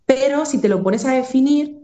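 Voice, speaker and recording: Interviewed as a musician, a woman from Aragón, Spain, speaks with a northern Spanish accent in a casual, reflective and discursive way. Her voice is high-pitched and mellow, at a normal speed.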